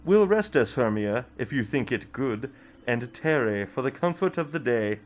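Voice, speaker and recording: A man's voice: medium pitch, lively intonation, moderate pace, natural voice. A man playing a young lover speaking verse. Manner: declaiming verse. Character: Oberon then Lysander, young nobleman. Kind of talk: amateur home Shakespeare performance.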